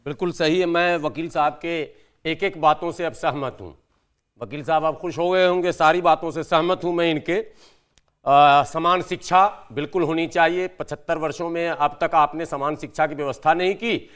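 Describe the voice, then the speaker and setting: A man who is a panelist in a heated TV debate, talking loudly over the others. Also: fairly high pitch, steady tone, normal speed. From Bihar. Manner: loud, talks over others.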